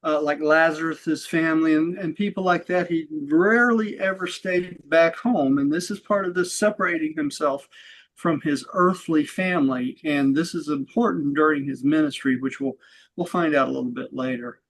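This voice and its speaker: A man's voice: on the high side, normal speed, a little hiss or hum. A man leading a study-group class, talking casually and rambling as he explains a reading, with fillers and self-corrections and his distance from the mic shifting. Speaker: host and teacher. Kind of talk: conversational study-group teaching.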